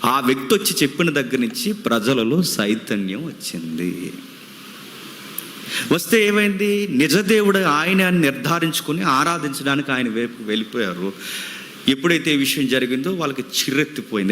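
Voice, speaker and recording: A man's voice: medium pitch, a bit bright, in a large hall, a little hiss or hum. A man preaching a sermon, retelling a story dramatically and firing off rhetorical questions.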